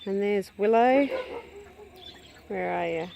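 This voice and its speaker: Woman, casual farm vlogger, even mid-range voice, chatty with her animals, outdoors with faint birdsong behind. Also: slow, vocal fry, dull audio, a little hiss or hum. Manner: chatty, fond, calls to animals in a high sing-song. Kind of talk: casual walk-around narration. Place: outdoors on a rural property.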